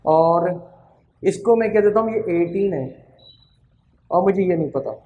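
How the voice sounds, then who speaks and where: A man giving a classroom maths lecture, often asking the students questions and slowing down to spell out formulas. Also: high-pitched, phone-quality sound. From Pakistan. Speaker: maths teacher.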